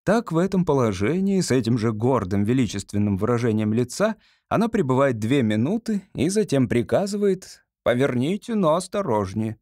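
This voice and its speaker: A man narrating a humorous story as an audiobook, telling it in an expressive, theatrical way. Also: medium pitch, a little fast, few pauses, dry recording, clean studio sound.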